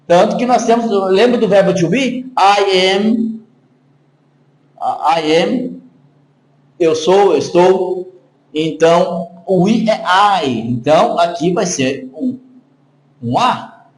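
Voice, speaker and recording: A man teaching a spoken English lesson, who repeats phrases slowly and draws out each word. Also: high voice, low-quality recording.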